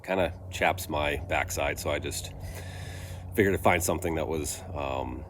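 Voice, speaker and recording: A man giving a casual, rambling product review, thinking aloud haltingly with trailing pauses. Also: very deep voice, a bit bright. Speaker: pipe tobacco reviewer. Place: outdoors in a light breeze. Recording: breezy outdoor vehicle-like background noise.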